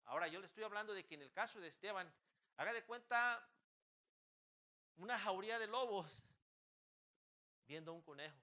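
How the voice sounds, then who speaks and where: A man preaches in a church, his voice high and bright with a forceful edge. He presses his listeners with fervent rhetorical questions and keeps stumbling and restarting his phrases. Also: expressive, normal speed, long pauses. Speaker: pastor. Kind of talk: sermon.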